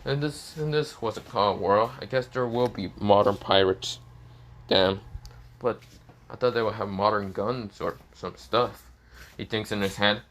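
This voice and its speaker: A man's voice: on the low side, normal speed, fairly bright tone. A man improvising a fan story aloud, rambling and leaning on the same filler phrases. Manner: rambling, repeats "this is where, well".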